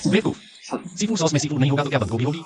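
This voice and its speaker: A flustered young male lead in a dubbed drama. He has a fairly high voice with a lively, swinging pitch and often sounds exasperated. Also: racing, slight background noise.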